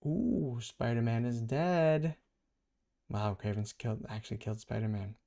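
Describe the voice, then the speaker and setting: Man, vlog host, casual, chatty, thinks out loud, medium pitch. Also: expressive, unhurried, creaky. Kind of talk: casual commentary while reading a comic aloud.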